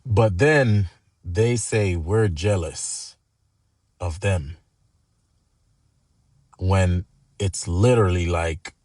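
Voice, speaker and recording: Man, ranting commentator, slow and animated, dry close sound. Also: low voice, husky, no room sound. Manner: sarcastic, crude, building to loud outrage.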